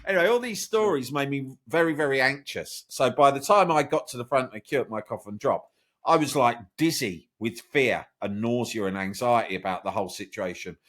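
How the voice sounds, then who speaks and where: A man on a podcast telling a story from his school days in a casual, animated way. His voice sits at an ordinary middle pitch, and he swears freely as he goes. He keeps checking in with his listener with a quick "right?". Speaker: podcast guest, journalist and broadcaster.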